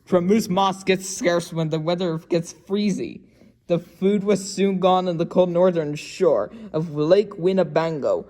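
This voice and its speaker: A man's voice: sits high, measured pace, a little mellow. A man giving an amused, dramatic read-aloud of a rhyming children's story. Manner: amused, breaks often into chuckles. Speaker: storybook reader.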